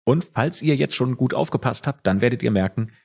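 A man's voice: medium pitch, animated, brisk, gravelly, a little mellow. A man co-hosting a true crime podcast, telling the case in an easygoing storytelling way with casual asides. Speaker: podcast co-host.

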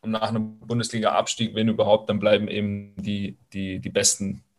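Low-voiced former footballer, reflective. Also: male voice, little pitch movement, brisk. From Swabia, Germany, Italian roots. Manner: thoughtful, hesitant, frequent fillers. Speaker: former professional footballer, guest. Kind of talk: reflective interview answers.

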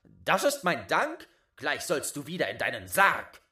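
A man's voice: high voice, very animated, slow pace, gravelly, pushed and bright, echoey room, voice pushed up, full character voice. A man voicing a hostile dead man risen from his coffin, speaking harshly and threateningly in a storybook reading.

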